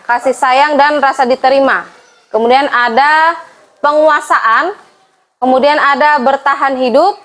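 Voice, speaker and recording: Indonesian woman teacher, high voice, patient explainer leading a staff workshop, many fillers. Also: fairly bright tone. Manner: explains patiently, addresses audience as Bapak Ibu, frequent fillers. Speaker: teacher presenting a training session. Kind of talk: classroom presentation to colleagues.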